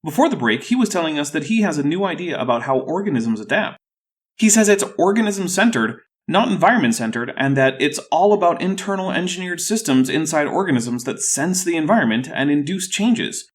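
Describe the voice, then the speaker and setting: A man's voice: fairly high pitch, expressive, brisk. A man with a thick, sore-throated voice hosting a scripted rebuttal video in a dry, skeptical way. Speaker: YouTube host.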